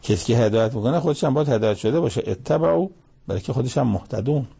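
Man, religious lecture, gravelly, husky, measured and emphatic, recites verses. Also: mid-range voice, lively intonation, dark tone. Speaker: Quran commentator.

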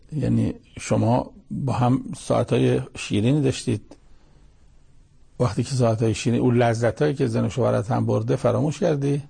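A male preacher delivers an exhorting sermon, weaving in Arabic scripture and piling up lists and rhetorical questions. His voice is deeply husky and gravelly, with a dark, mellow tone. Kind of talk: religious sermon with Quranic Arabic quotations.

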